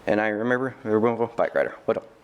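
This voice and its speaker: A man's voice: lowish voice, racing, smooth, lo-fi sound. A man in his twenties reciting a formal introduction with small hesitations. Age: 20s. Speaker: bike rider introducing himself.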